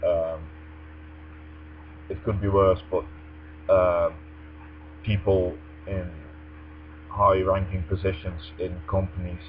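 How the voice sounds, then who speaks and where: Speaking slowly and pausing often, a young vlogger uses articulate, formal English as he reads aloud and answers a tag challenge casually. His voice is low and level in tone. Mains hum runs under the dull lo-fi microphone recording.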